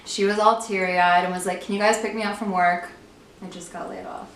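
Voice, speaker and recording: A woman's voice: mid-range voice, fairly even intonation, fairly quick, a bit bright. Woman, host, casual chat, chatty, laughs often, echoey room, faint hiss. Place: friend's home.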